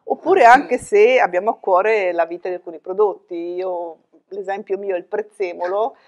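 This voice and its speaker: A woman's voice: medium pitch, moderate pace, a little mellow, lo-fi sound. Chatty Italian-speaking woman, practical. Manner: chatty, practical, self-correcting with fillers. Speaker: food technologist and magazine director, guest. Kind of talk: conversational interview.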